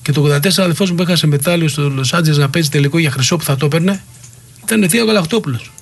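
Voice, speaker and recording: A man's voice: fairly high pitch, vocal fry. Heated middle-aged man telling wrestling stories. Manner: heated, rambling anecdotes with quoted dialogue. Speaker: guest, former wrestler. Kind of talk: interview storytelling.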